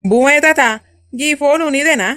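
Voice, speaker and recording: A woman's voice: sits high, animated, normal speed, a bit bright, no echo, studio quality. A woman doing an eager village boy. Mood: helpful. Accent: Telangana Telugu. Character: polite young village boy. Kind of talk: animated comedy voice acting.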